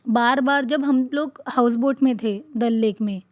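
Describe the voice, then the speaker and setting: A woman podcast host tells her own story in an earnest, halting way, pausing often and filling gaps with short sounds. She repeats words for emphasis. Her voice sits a little high, and the recording is dry with no room sound. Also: no echo. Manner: halting, with frequent pauses and fillers. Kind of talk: personal storytelling.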